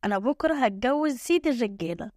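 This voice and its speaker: A woman's voice: fairly high pitch, lively intonation, quick pace, a little mellow, no echo, studio quality, close to an everyday voice. A woman voicing a cheerful, easygoing young village woman with an Egyptian accent, shrugging off insults. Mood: carefree. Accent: Egyptian Arabic.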